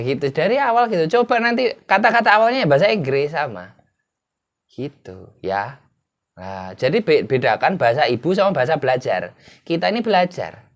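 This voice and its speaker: A man giving an explanatory lecture as an English teacher, asking rhetorical questions and answering them himself. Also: on the high side.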